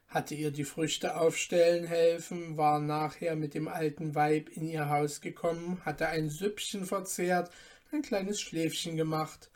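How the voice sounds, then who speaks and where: A woman reading a fairy tale aloud in a calm, measured storytelling manner. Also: low-pitched. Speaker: narrator.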